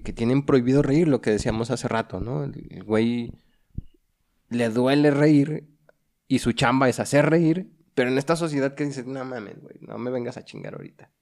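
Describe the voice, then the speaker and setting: A man's voice: fairly high pitch, a little mellow. A man with a Mexican Spanish accent chatting casually about a film, slangy and full of storytelling energy.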